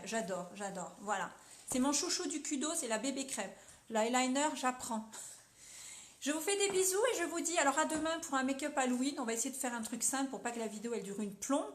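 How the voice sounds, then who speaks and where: A woman's voice: a little high, reverberant. A young French woman chatting casually as she sells makeup on a live stream, upbeat and full of fillers.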